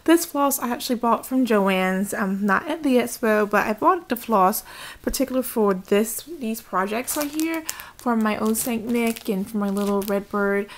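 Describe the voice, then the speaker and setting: With a fairly high, animated voice at a moderate pace, a craft vlogger shows her haul to the camera at home. She holds the camera herself and chats informally and excitedly as she goes.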